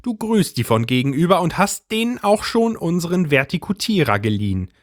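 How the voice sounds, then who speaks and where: A man's voice: a little high, very animated, brisk, no echo, studio quality, voice pushed up. A man voicing a suspicious, bossy middle-aged housewife who talks in an indignant, conspiratorial way. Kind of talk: storybook reading.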